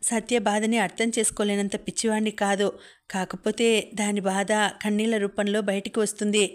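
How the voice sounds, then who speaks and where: A teasing young man, frank and confiding when he speaks about love, from an audiobook novel, read by a woman. The delivery stays level, with a narrow pitch range. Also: flat delivery, normal speed, natural voice.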